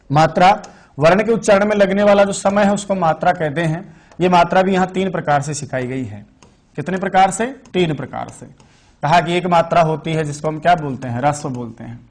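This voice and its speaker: A man teaching Sanskrit grammar in an online exam-prep lecture. He asks questions and answers them himself, and repeats the key terms. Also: fairly high pitch.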